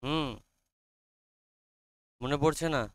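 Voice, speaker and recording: A male teacher with a Bengali accent running a classroom lesson, quizzing his students and reading English lines slowly aloud. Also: a little high, steady tone, clear, resonant tone, no echo.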